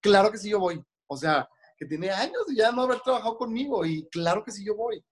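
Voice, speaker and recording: A man's voice: high voice, animated, fairly quick. A man with a Mexican Spanish accent, a hair and makeup stylist telling stories in casual podcast talk and acting out the voices of the people in them. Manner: chatty, acts out voices of people in his stories.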